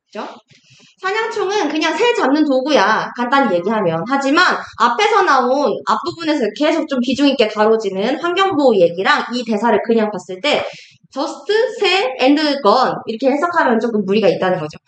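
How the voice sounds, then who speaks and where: Animated high-voiced woman teaching a class. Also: normal speed. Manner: lively, acts out characters' lines in quotes, asks students questions. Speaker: Korean literature tutor. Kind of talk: classroom lecture. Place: classroom at a cram school. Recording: echoey classroom, faint noise.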